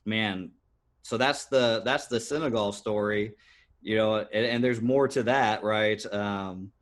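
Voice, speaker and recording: A man's voice: lowish voice, unhurried. A man in his thirties, a podcast guest, telling his life story earnestly, with many fillers and restarts. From United States. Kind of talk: personal storytelling interview.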